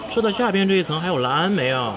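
A man's voice: sits high, animated, quick pace, over music. A young man hosting a food vlog in an indoor cafe, chatting casually and exclaiming at each dish on a handheld camera mic. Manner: upbeat, chatty, exclaims at the dishes. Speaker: food vlogger host. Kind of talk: casual chat while tasting food. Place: indoor themed cafe and shop.

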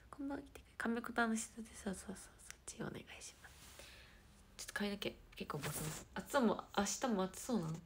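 A young woman hosting a casual livestream who chats quickly and brightly with viewers, often dropping to a soft murmur. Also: medium pitch, vocal fry, slight background noise. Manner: fast-talking. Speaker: idol livestream host. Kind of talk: casual livestream chat reading viewer comments.

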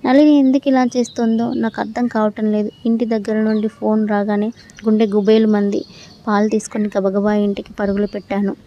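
A woman reading a short story aloud in the first person, in a steady storytelling manner. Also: mid-range voice, a little fast, lo-fi sound. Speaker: story narrator.

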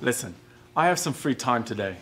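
A man's voice: mid-range voice, expressive, moderate pace, a bit bright, a little hiss or hum. An actor playing a friendly young man in a scripted course dialogue, casual and inviting.

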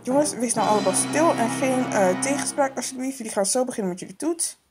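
A strict schoolteacher, as a woman voices her in a toy-figure film, firm and insistent as she calls a noisy class to order. Her voice is a little high. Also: a little fast, over music, lightly acted. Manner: firm, pleading for quiet.

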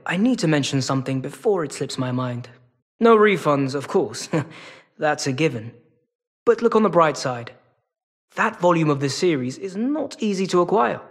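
Here the game's feline rogue is voiced in an exaggerated way: fairly high for a male, husky and rasping. He drawls wryly and casually with street smarts, sounding like a weary hustler who never stops bargaining.

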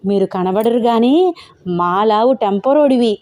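A woman's voice: on the high side, animated, unhurried, darkish tone. A woman voicing a chatty, blunt village housemaid speaking rustic dialect. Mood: cheeky. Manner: rustic dialect speech, cheeky.

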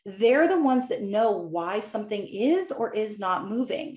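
A woman in her thirties giving an upbeat, scripted software tutorial as a company executive, recorded at home on a webcam. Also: medium pitch. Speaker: software company VP presenting a product. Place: indoor room at home. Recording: echoey room.

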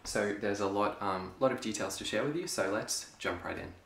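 A man's voice: fairly low pitch, moderate pace, gravelly. Young man chatting through a home tour. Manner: relaxed, chatty, frequent ums. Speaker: LEGO hobby vlogger. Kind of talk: casual show-and-tell. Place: carpeted room at home. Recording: echoey room, faint noise.

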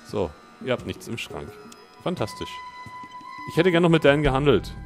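A man giving casual, joking commentary on a let's play, thinking out loud as he plays. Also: medium pitch, very animated, a little fast, faint music behind.

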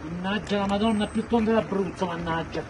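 A man's voice: sits high, brisk. A middle-aged man in an exasperated, muttered swearing rant as he works bent over, recorded outdoors on a phone from a few steps away. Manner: exasperated, cursing, straining while bent over work. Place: outdoors by a building wall. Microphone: phone held by another person a few steps away. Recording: outdoor phone video with faint noise.

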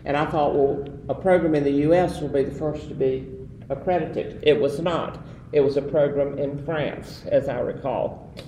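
A former association president from the Southern United States, now older, rambles through his memories as an interview guest, full of fillers. His mellow, slightly high voice keeps a fairly even intonation at normal speed. The sound is roomy and distant, with faint noise.

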